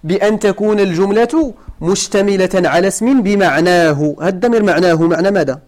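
In a classroom grammar lesson, a teacher with a Moroccan Arabic accent keeps asking his students questions and restates every point to drive it home. He speaks briskly in a high, slightly mellow voice.

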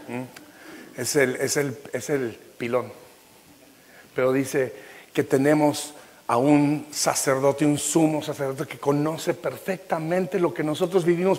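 A man's voice: a little high, a little mellow, in a large hall. A man with a Mexican accent preaching a live sermon as pastor, passionate and at times joking with the congregation. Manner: impassioned preaching with playful humorous asides.

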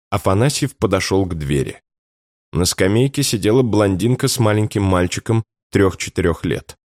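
A man narrating an audiobook in an expressive storytelling manner. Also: low voice, no echo, clean studio sound. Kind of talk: scripted narration.

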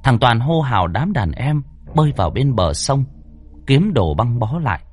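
A man narrating a ghost story from a script, with a dramatic, varied delivery and tense pauses. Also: mid-range voice, sing-song, slightly rough, soft background music.

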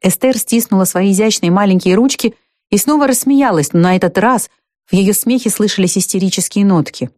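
A woman narrating a classic novel in a measured, even audiobook reading. Her voice sits at an ordinary pitch, and the recording is dry and close with no room sound. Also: no echo. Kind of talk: scripted narration.

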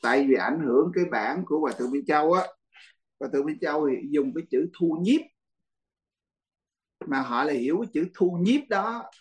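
A man's voice: a little high, expressive, fairly quick, long pauses, low-quality recording. A man, a Buddhist monk, teaching a dharma class in a blunt, teasing way and laughing often.

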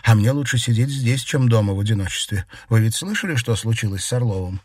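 A man reading aloud and voicing a lively, chatty young woman. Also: on the low side, quick pace, breathy edge, dry recording, studio quality, recorded from a distance, pitched above the performer's own voice. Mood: cheerful.

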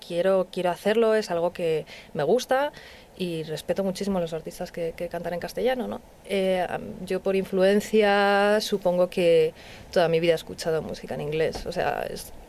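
A woman's voice: fairly low pitch, normal speed, darkish tone, a little hiss or hum. A woman, a musician guest on a radio interview, talking hesitantly with many fillers. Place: radio studio.

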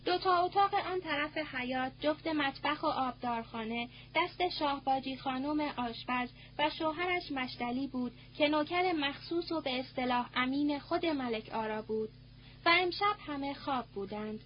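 Narrator: woman, high voice, measured audiobook reading, muffled tape with faint hum. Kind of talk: scripted narration.

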